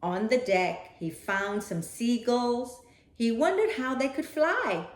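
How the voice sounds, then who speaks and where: Female storyteller for children's read-aloud: very lively intonation, unhurried, playful and dramatic, recorded in an echoey room. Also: a little high. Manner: animated, dramatic, with playful asides to a young listener. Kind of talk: expressive children's picture book read-aloud.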